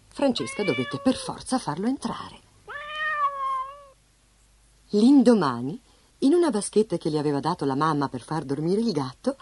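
Expressive woman storyteller. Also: mid-range voice, noisy background. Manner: expressive, sing-song reading. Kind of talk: scripted storybook narration. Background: soft background music.

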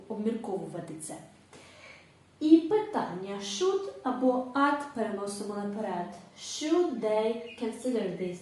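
A woman teaching English grammar step by step, reading her English examples slowly and carefully. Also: medium pitch, a little mellow, slight background noise. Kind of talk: explaining grammar lesson. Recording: very echoey room, distant mic.

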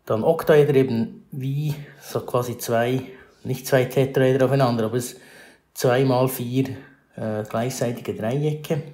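A man explains geometry in a screencast lesson. His voice is mellow and relaxed, and he talks it through with fillers and self-corrections. The recording carries a noticeable room echo. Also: mid-range voice, unhurried. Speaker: math teacher.

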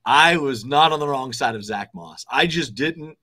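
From an office full of desks, a man in his thirties who directs TV sports chats casually on a video call, analyzing sports with confidence and emphasis. He repeats words to stress them, speaking at a moderate pace in a medium-pitched, sharp voice with lively intonation.

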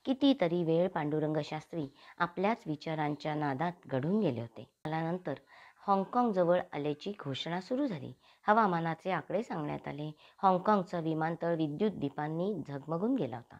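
A woman narrating an audiobook in a measured, devout storytelling manner. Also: low-pitched, animated, a little mellow, dull audio. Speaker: audiobook reader. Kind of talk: scripted narration.

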